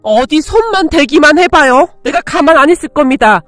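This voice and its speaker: A woman's voice: sits high, lively intonation, moderate pace, fairly bright tone, no echo, faint music behind. A woman voicing an older mother-in-law who is stern with outsiders and motherly to her daughter-in-law. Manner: firm and protective, motherly.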